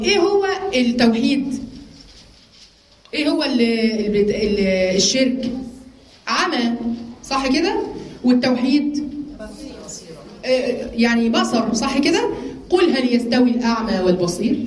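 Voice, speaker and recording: A woman's voice: a little high, lively intonation, normal speed, long pauses, echoey room, rough recording. A woman with an Egyptian Arabic accent teaching a religious lesson to women, asking and answering her own questions as she explains verses. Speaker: Quran teacher.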